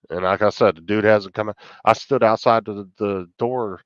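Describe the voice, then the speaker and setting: A man's voice: lowish voice, fairly even intonation, unhurried, clear, resonant tone. A middle-aged man chatting casually on a live stream, blunt and heavily profane as he rants. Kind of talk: casual chat. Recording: muffled, echoey room sound.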